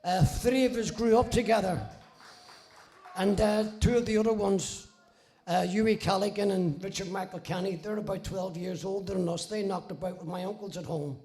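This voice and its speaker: A man's voice: high voice, steady tone, moderate pace, dark tone, faint music behind. A Northern Irish man in his sixties from Belfast, telling his own story in a blunt, salty, wry way and swearing freely. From Belfast, Northern Ireland. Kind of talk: casual spoken storytelling.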